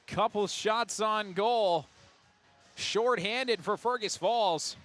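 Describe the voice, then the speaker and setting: A man calling a girls' high school hockey game as play-by-play announcer on radio, with rapid calls that jump to excited shouts on big plays. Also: soft background music. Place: ice arena broadcast booth.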